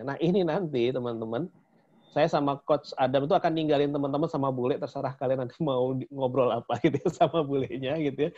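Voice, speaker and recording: A man's voice: mid-range voice, darkish tone. A man co-hosting a casual promotional chat about a training, chatty and laughing often. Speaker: co-host of a training talk. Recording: dull lo-fi sound.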